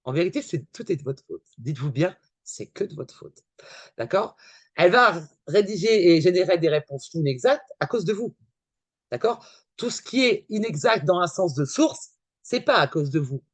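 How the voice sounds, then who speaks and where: A man with a high voice presents at a conference in a loose, rapid style. He keeps repeating his key points and talks straight to his audience. The sound is dry and close. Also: sing-song, slightly rough, no room sound. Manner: fast, casual and emphatic, repeats points, addresses audience. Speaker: conference speaker. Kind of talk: conference talk with slides.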